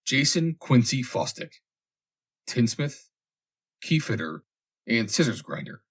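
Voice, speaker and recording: This husky male narrator reads a comic old-fashioned tale for an audiobook, taking a deliberate, theatrical approach and stressing his phrases. His pitch is mid-range and his delivery very animated.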